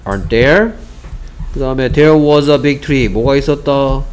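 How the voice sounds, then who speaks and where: A man's voice: mid-range voice, slight background noise. Korean man teaching English grammar. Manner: asks rhetorical check questions, repeats example sentences slowly. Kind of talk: grammar lesson.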